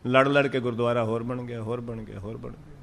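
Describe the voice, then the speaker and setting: A man with a Punjabi accent giving a sermon, drawing out verses slowly and then explaining them in lively speech. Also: medium pitch, creaky, big-room sound. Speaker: Sikh preacher. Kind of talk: sermon on scripture.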